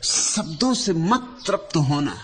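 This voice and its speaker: A man giving a spiritual discourse as a teacher, speaking in short, lyrical phrases with long pauses and repeated lines for emphasis. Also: a little high, sing-song, a little hiss or hum.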